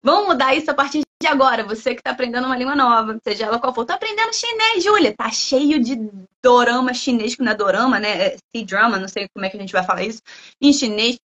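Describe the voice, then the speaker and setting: A woman from Brazil, a guest speaker who talks in a lively, playful way and acts out imagined students' lines. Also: a little high, fast, lo-fi sound. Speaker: guest speaker, language school head. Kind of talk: lively talk in a livestream.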